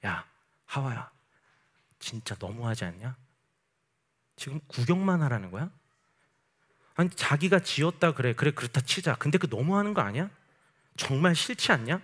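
A man's voice: medium pitch, big pitch swings, moderate pace, pauses often, a bit bright, slightly rough. A man voicing the devil as a sly male tempter, coaxing and sneering at the listener. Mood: coaxing, low.

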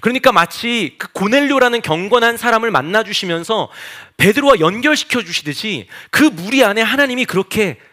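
A male pastor preaches in a high, bright voice. His pitch swings widely as he tells stories with animation. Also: a little fast, hardly any pauses. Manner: animated storytelling, acts out quotes. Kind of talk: sermon.

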